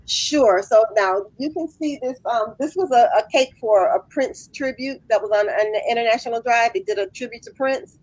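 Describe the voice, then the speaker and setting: A woman's voice: a little high, moderate pace, few pauses, darkish tone, no room sound, rough recording. A woman in her late fifties, a guest business owner, earnestly explaining her craft step by step in a casual interview. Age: 50s.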